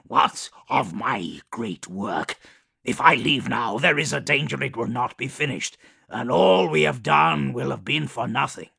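A man voicing a huge, rotting male plague daemon, proud yet insecure, who speaks in louder, higher defensive outbursts. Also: animated, measured pace, vocal fry, slightly rough, exaggerated voice. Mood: defensive, agitated.

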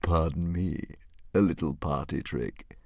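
Huge gloating storybook dragon, put on by a man reading: very deep, slow, hissing menace, dry close mic. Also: darkish tone, no room sound, full character voice. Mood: menacing. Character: huge, sneering, menacing philosophical male dragon.

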